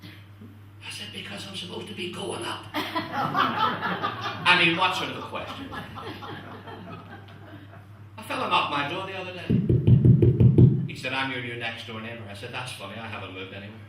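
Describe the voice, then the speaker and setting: A man doing stand-up one-liners in a club, chatting to the audience as ladies and gentlemen. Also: mid-range voice, animated, normal speed, long pauses, background noise. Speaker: stand-up comedian. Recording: echoey club from a distance. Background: audience laughter.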